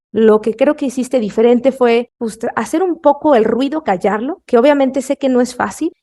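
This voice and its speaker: A woman's voice: a little high, warm tone. A woman hosting an interview, thoughtfully summing up her guest's words with frequent fillers. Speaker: podcast host. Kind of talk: reflective interview talk.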